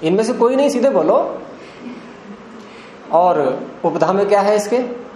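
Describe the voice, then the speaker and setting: A man's voice: sits high, animated, unhurried, warm tone. Man teaching in an echoey classroom. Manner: explains step by step, quizzes students. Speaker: teacher of Nyaya philosophy. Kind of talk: classroom lecture with questions to students. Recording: echoey room with faint hiss.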